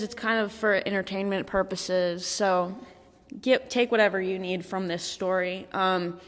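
An eighteen-year-old woman hosts her own podcast and tells a story in a loose, rambling way, restarting her sentences often. Her voice sits a little low, and it rings out in an echoey room with a long tail of reverb. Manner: rambling, with many restarts and fillers. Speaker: podcast host. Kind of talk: casual storytelling monologue.

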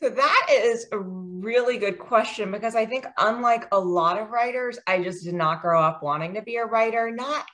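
A woman's voice: on the high side, normal speed, few pauses, a bit bright. An American woman in her forties, a guest author, talking in a chatty, self-deprecating way with frequent ums. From United States. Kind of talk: casual interview.

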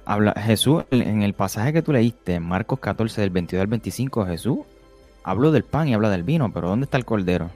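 Man, very low voice, measured scripture talk, repeats words, faint music behind. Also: animated, a little mellow. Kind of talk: conversational Bible teaching.

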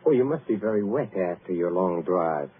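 Low-voiced menacing count, silky 1940s radio villain, thin tinny broadcast sound. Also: male voice, expressive, moderate pace, a little hiss or hum. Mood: ominous. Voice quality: deep and theatrical, with sly chuckles. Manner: suave storytelling turning darkly ominous. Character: sinister aristocratic count, old accursed family, menacing host. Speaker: count, lord of a chateau.

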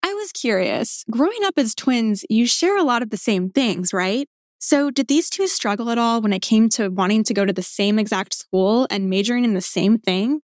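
A woman's voice: on the high side, expressive, normal speed, dry recording, studio quality. A woman hosting an alumni podcast, reading scripted introductions and asking questions in an upbeat, inviting way. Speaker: podcast host. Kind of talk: scripted narration and interview.

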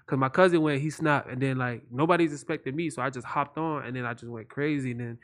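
A man's voice: mid-range voice, quick pace. A man of twenty telling stories in a laid-back, slangy casual chat. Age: 20s.

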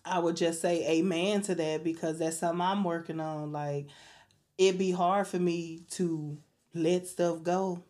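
Low-voiced woman hosting a podcast. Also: fairly even intonation. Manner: warm, churchy exclamations and slow mantra reading. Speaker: podcast host. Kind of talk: casual podcast chat.

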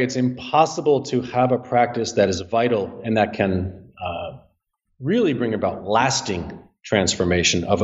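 A man who is an author and Zen teacher, answering interview questions in a measured, earnest way and often repeating words as he thinks. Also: lowish voice, lo-fi sound. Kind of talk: podcast interview.

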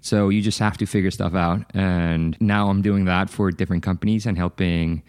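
Deep-voiced man, smooth and dry. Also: moderate pace, no room sound. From Chile. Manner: relaxed, fluent storytelling with occasional fillers. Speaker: podcast guest. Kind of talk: conversational interview.

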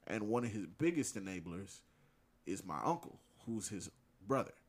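A young man in casual chat who talks in a measured, thoughtful way. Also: on the low side, very animated, slightly rough.

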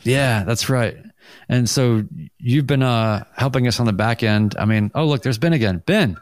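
A middle-aged man hosts a casual podcast over a video call, talking in loose, rambling runs and often laughing at himself. His voice sits at a middling pitch and sounds dry and close to the mic. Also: normal speed, no echo. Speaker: podcast host.

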